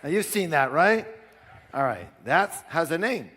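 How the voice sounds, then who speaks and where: A man giving an energetic live seminar talk, drawing call-and-response from the audience. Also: a little high, measured pace. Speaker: seminar speaker. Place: large seminar hall. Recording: long hall reverb.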